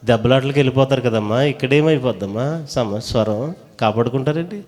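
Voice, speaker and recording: A man preaching a sermon in a church hall, pressing the congregation to call back their answers loudly. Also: mid-range voice, a little fast.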